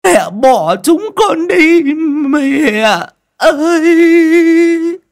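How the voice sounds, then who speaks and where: A callous daughter-in-law putting on drawn-out, theatrical wails. Her sobbing cries sit very high and loud, every syllable stretched out. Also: sing-song, heavily acted. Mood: theatrical wailing.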